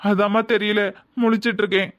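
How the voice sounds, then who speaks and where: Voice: mid-range voice, level tone, fast, natural voice. An actor voicing a drunk middle-aged husband in a comedy cartoon, with a Tirunelveli Tamil accent, talking in a slurred, mournful way. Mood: glum. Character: drunk middle-aged husband who lost family gold.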